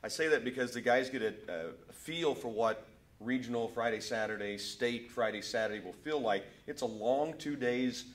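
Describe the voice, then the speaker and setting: A man's voice: medium pitch, moderate pace. Middle-aged guy hosting a local sports segment, easy chatty questions. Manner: smooth, scripted intro then chatty questions. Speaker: sports show host. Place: school wrestling room, indoors.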